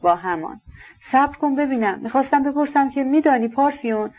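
A woman reading aloud, voicing a gentle, anxious young man who halts and searches for his words. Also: high voice, expressive, slightly rough, dull audio, voice pushed up.

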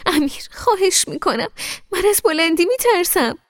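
Woman reading a scared young wife, high and pleading, dry close sound. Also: big pitch swings, no room sound. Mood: terrified pleading. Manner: shrill and pleading.

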